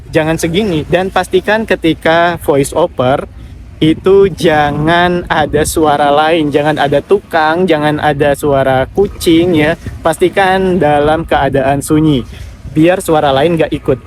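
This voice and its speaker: A man's voice: fairly high pitch, fairly even intonation, takes it slowly, a little hiss or hum. Direct man answering viewer questions. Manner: direct, advice-giving, frequent "lanjut". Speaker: affiliate marketing livestreamer. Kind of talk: casual live Q&A reading viewer comments.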